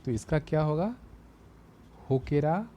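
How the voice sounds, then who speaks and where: Slow, mellow-voiced Bihari Hindi teacher. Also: male voice, fairly high pitch, animated, a little hiss or hum. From Bihar, India. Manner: explains slowly, repeats key words. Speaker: exam coaching teacher. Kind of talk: teaching memory tricks.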